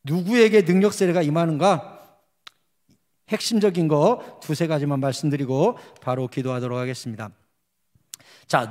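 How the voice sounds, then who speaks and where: A man preaching a revival sermon as pastor, telling stories animatedly and acting out the voices of the people in them. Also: on the high side. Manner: animated, acts out quoted voices. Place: church sanctuary. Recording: long church hall reverb.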